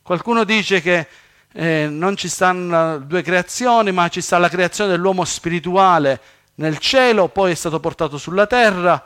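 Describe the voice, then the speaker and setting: Man, preacher, sermon, slightly high voice, animated delivery. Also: normal speed, clear, resonant tone. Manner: animated, rises loud on scripture quotes, then drops to asides.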